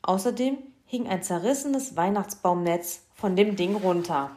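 A woman reading a children's story aloud in a lively, expressive way. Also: mid-range voice, measured pace.

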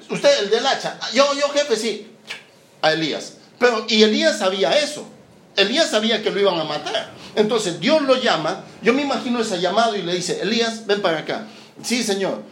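A man with a Chilean accent preaching a sermon, joking and acting out scenes. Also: sits high. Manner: lively, joking, acts out scenes. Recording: roomy echoing hall.

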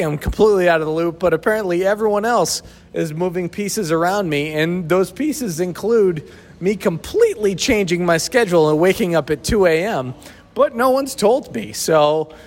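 A man co-hosting a podcast in casual, teasing chat, recorded in a sheltered outdoor spot with a big echoey reverb around his voice. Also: sits high. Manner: easygoing, teasing, chuckles often. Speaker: podcast co-host.

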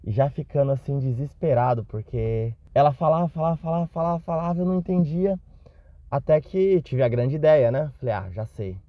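A man's voice: a little high, fairly quick, dry recording, highs cut off. A man telling a self-deprecating Christmas anecdote as a listener in a recorded message. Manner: self-deprecating, animated retelling. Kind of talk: recorded anecdote, casual storytelling.

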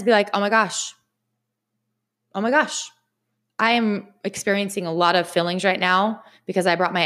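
Woman, casual motivational vlog, animated, chatty, repeats herself for emphasis. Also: medium pitch. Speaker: vlogger. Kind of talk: casual motivational talk to camera.

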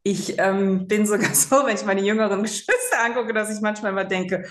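With a medium pitch and fairly even intonation, a woman in her forties speaks briskly. A psychological counselor, she spins stories in a casual interview, laughing easily and using lots of fillers, while the room adds an echo.

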